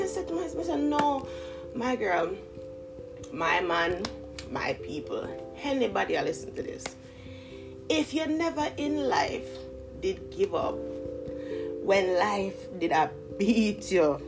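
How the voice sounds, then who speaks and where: A woman in her thirties vlogs straight to camera in a casual motivational monologue, speaking with a Toronto accent inflected by Jamaican Patois. She laughs often and moves between slang and standard English, her medium-pitched voice gravelly.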